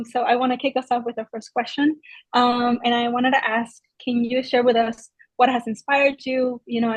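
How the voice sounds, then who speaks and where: Higher-voiced young woman moderator, dry sound. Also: no echo, highs cut off. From Venezuela. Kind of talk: webinar interview moderation.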